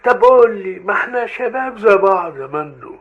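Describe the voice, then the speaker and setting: An actor with an Egyptian accent playing a fussy, excitable older father in a comic radio drama, with a shrill, fast-rising voice. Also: narrow, tinny audio. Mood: panicked. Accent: Egyptian Arabic. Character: fussy, excitable old father, easily scared. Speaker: Mando's father Abdelwahed.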